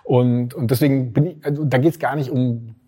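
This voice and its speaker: A man's voice: mid-range voice, fairly even intonation, moderate pace, warm tone, husky. A man from Swabia, a startup investor talking casually as an interview guest, hesitant with many fillers. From Swabia, Germany.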